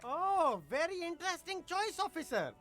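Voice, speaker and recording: An eager street vendor in a video game, pitched high. The delivery is flattering market patter, always selling, with music underneath. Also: female voice, moderate pace. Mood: flattering sales pitch.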